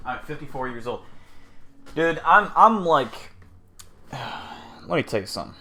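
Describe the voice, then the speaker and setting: A man's voice: on the high side, very animated, measured pace, sharp tone. A man hosting a casual livestream, rambling, swearing and joking with his chat. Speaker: livestream host.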